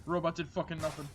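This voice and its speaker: A man's voice: sits high, background noise. A man giving casual, profane let's play commentary, muttering to himself as he plays. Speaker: video game player.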